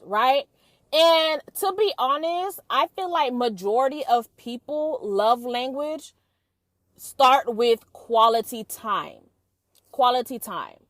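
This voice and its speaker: A young woman talks straight to camera in a loose, chatty vlog monologue, blunt and full of swearing. Her voice sits a bit high for a woman. The sound is dry and close, with no room around it. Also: fairly bright tone, dry recording. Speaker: vlog host. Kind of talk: casual opinion monologue to camera.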